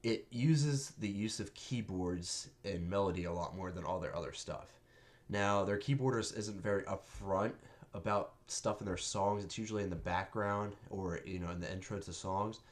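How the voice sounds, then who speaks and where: Deep-voiced young man, nasal with a cold. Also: normal speed. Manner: blunt, offhand, defiant. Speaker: album reviewer. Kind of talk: casual spoken review.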